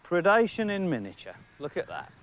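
A middle-aged man giving outdoor fishing commentary from a lakeside jetty, excitable, laughing often and talking to the fish. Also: high-pitched, a little fast, a little hiss or hum. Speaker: angling presenter.

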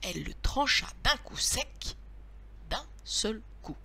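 A woman teacher reading a rhyming children's story aloud in an expressive, rhythmic way. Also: on the high side, slow pace, vocal fry, a little hiss or hum.

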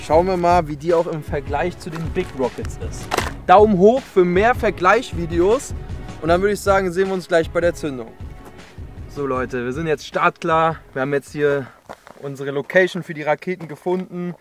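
A man's voice: fairly high pitch, normal speed, soft background music. Chatty young man reviewing outdoors. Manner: chatty, addresses viewers directly. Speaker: fireworks video host. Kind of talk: casual review commentary. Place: outdoors on open dirt ground at dusk. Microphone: action camera.

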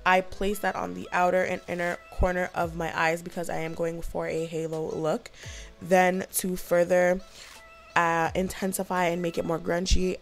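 Lower-voiced young woman, chatty tutorial narration. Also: vocal fry. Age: young adult. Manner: chatty, informal. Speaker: beauty vlogger. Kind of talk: casual makeup tutorial narration.

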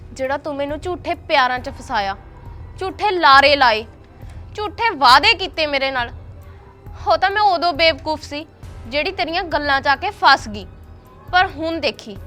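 Woman doing a fed-up wife, sharp tongue, really high bright voice, music under it. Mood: scheming, taunting. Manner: sharp-tongued, scolding, taunting. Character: defiant young wife, housemaid, fed up with her husband. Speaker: actor in a short film.

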